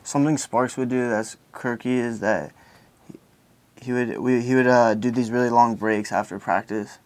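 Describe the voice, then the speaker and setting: A young man, a college football player, tells a casual story in an even, level tone. He restarts sentences now and then in a relaxed way. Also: mid-range voice, normal speed. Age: young adult. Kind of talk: casual interview comment.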